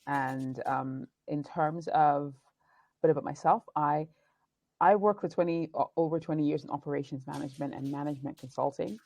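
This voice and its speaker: A woman's voice: deep voice, normal speed, creaky, a little mellow, no echo. A woman in her forties, raised across three countries, giving thoughtful and earnest interview answers. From Nigeria, England and the United States. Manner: thoughtful, restarts sentences, earnest. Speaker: guest, documentary producer and speaker.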